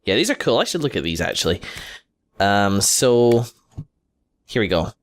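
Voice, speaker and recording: A man's voice: fairly low pitch, sing-song, moderate pace, a little hiss or hum. A man hosting a let's play, chatting casually and reading game text aloud, a little congested from hay fever. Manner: chatty, rambling, laughs often. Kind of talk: casual gameplay commentary and reading codex entries aloud.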